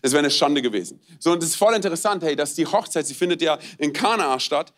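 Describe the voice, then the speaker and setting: An energetic male guest preacher with a fairly high voice delivers his sermon. He speaks straight to the listener, casual and punchy, dropping slangy asides as he goes. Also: fast talker.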